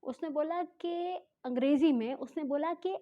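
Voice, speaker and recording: Chatty woman with a dull lo-fi sound. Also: sits high. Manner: chatty, self-correcting, slips into English phrases; says she speaks slowly on purpose. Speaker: travel vlogger. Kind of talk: casual storytelling vlog.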